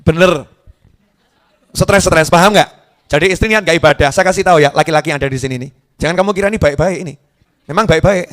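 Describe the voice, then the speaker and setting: A middle-aged male preacher, speaking in a fairly high voice. He jokes and chats easily with the crowd, breaking off words and rushing ahead in bursts. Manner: lively, joking, conversational. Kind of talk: sermon to a live audience.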